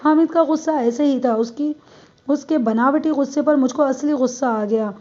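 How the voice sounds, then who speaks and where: Woman narrating a crime story, mellow. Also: high voice. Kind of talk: reading a crime story aloud. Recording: dull lo-fi.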